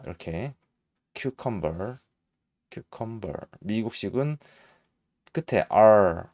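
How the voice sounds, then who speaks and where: Middle-aged man, slow, dry close mic, casual teacher thinking aloud. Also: on the low side, a little mellow, dry recording. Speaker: English teacher for mothers. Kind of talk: casual explanatory lesson.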